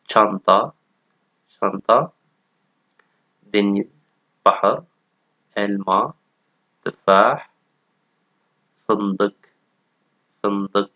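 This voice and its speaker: A man's voice: lowish voice, extremely slow, long pauses, bright, forceful tone, no echo. A man, teaching a textbook language lesson and patiently repeating each word. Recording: dull, dry lo-fi audio.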